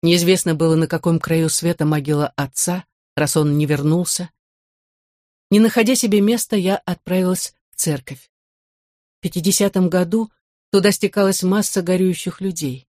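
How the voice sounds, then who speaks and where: A woman narrating a memoir audiobook in a measured, expressive reading. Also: on the low side, dry recording, clean studio sound.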